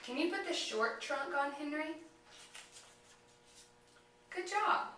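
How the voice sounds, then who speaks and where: High-voiced woman coaxing a child slowly. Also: expressive, sharp tone. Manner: slow, exaggerated, encouraging talk to a child. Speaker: speech therapist. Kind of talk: child-directed therapy demonstration. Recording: echoey room, mic far off.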